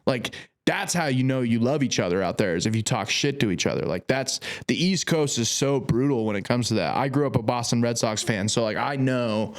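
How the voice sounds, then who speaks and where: A young man in the middle of a casual podcast story, loose and profane. He gets animated, and his voice shoots up high whenever he quotes somebody. His pitch is otherwise average for a man. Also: brisk, few pauses. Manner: animated, swearing, pitch jumps way up when quoting people. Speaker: podcast guest.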